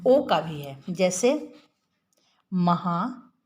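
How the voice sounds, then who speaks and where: Woman teacher, patient explainer, mid-pitched voice, steady classroom delivery. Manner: patient, drawn-out demonstration of vowel sounds. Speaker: Hindi grammar teacher. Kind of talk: classroom lesson explaining grammar.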